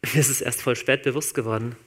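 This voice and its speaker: A man preaches in a loose, conversational way and talks straight to his listeners as if chatting with friends. His voice has a bright, forceful edge and sits at an ordinary middle pitch. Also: steady tone, quick pace. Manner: conversational, informal, addresses listeners directly. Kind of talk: sermon.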